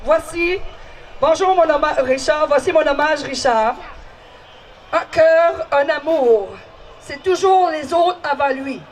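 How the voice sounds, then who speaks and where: A woman's voice: high voice, takes it slowly, slight background noise, low-quality recording. Playful Quebec French woman emceeing outdoors. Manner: playful, teasing, exclamatory. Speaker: festival co-host on stage. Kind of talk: lively stage emceeing. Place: outdoor festival stage. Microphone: handheld stage microphone.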